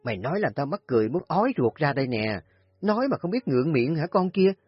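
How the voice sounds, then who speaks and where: A shrill, scornful young daughter-in-law, put on by a male storyteller, yelling taunts in a high, husky strained voice. The storybook recording is dull and lo-fi, with soft music underneath. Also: lively intonation, moderate pace, no echo. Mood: scornful shouting. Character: spiteful young woman, sharp-tongued shrewish daughter-in-law. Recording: dull lo-fi audio with faint music.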